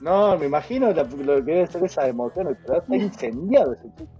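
Man, Córdoba Argentine accent, chatty radio host, animated pitch, slightly dull sound. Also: fairly quick, soft background music. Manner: chatty, repeats words, reactive. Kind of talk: casual radio hosting.

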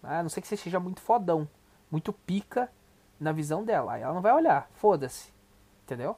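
A man's voice: fairly high pitch, expressive, quick pace, dark tone, breathy edge. A young adult Brazilian man is hosting a casual reaction podcast. He talks in long, rambling stretches, full of emphatic swearing and restarts. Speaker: podcast host.

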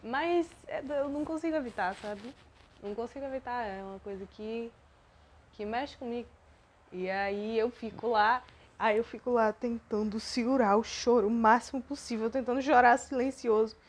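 A woman's voice: fairly high pitch, moderate pace. Rambling, emotional young Brazilian woman. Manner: rambling, self-deprecating and emotional. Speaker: podcast host. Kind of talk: personal monologue podcast.

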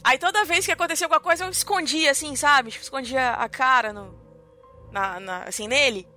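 Bright, high-voiced Brazilian woman storytelling. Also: a little fast, soft background music. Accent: Brazilian Portuguese. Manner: animated, dramatic retelling with many fillers. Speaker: podcast co-host. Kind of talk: casual storytelling chat.

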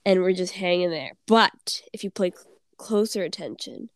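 A teenage girl co-hosts a casual podcast, her voice stuffy from a cold but still smooth and clear. She rambles and giggles through her stories, recorded close and dry. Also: lowish voice, lively intonation, normal speed, no room sound. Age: teens. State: congested from a cold. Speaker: podcast co-host. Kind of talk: casual chat.

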